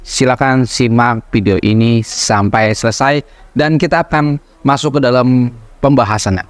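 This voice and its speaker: A man's voice: medium pitch, moderate pace, slight background noise. Man giving an informal tutorial. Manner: instructive, repeats and rephrases points. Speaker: YouTube host giving debt advice.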